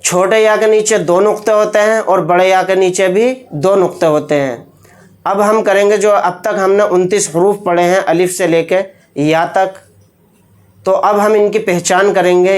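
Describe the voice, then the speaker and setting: This is a teacher leading a beginner alphabet lesson in a patient, repetitive way. Each letter name is stretched out slowly and pronounced with care. After each one, the teacher explains it calmly in a mid-pitched voice. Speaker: Quran reading teacher.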